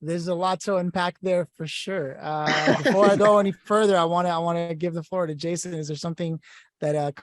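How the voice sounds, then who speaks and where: A man's voice: a little high, fairly even intonation, a little fast, no room sound. A man hosting a business podcast, introducing the guest with upbeat enthusiasm. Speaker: podcast co-host. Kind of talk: interview hosting.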